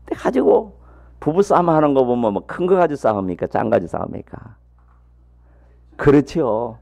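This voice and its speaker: A man preaching a sermon as a missionary, telling the story in a lively, folksy way and asking his congregation rhetorical questions. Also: medium pitch, a little fast, vocal fry. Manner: folksy, humorous asides.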